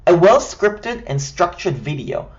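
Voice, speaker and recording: Speaking a little slowly in a high, very animated voice, a native Hebrew speaker from Israel walks through how to build an online course. His scripted tutorial is structured, direct and step-by-step, carries an Israeli accent, and has dull audio.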